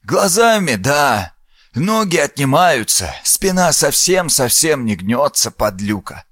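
A man voicing a frail, sly old peasant with a creaky, scratchy voice and fawning rustic speech, in an audiobook. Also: medium pitch, very animated, takes it slowly, fairly bright tone, no echo, studio quality, pitched above the performer's own voice, full character voice. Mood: wheedling. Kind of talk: audiobook character voice.

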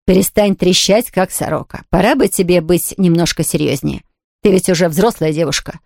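A woman's voice: fairly low pitch, moderate pace, gravelly, a little mellow, dry recording. A woman reader voicing a stern older aunt. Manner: dry, sniffing, reproachful. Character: stern proud older aunt, frail and disapproving.

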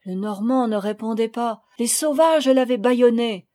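Mellow, higher-voiced woman reading a story. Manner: calm, measured storytelling with dramatic rises. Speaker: audiobook reader. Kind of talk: scripted narration.

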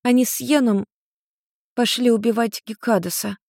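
A woman's voice: on the high side, fairly even intonation, moderate pace, vocal fry, a little mellow, no echo, studio quality, pitched above the performer's own voice. Woman reading as a timid, anxious young woman. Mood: hesitant. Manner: worried.

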